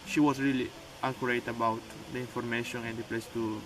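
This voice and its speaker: Flat-voiced hesitant young man. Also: mid-range voice, a little fast, background noise. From Peru. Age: young adult. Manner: hesitant, broken phrasing. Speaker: volunteer. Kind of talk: interview answers. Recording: distant mic with loud music.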